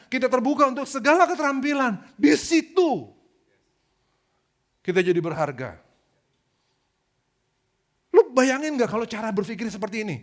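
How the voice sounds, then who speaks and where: A male pastor preaching a sermon, telling stories with slang and jokes. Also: very high voice. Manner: animated storytelling with slang and jokes.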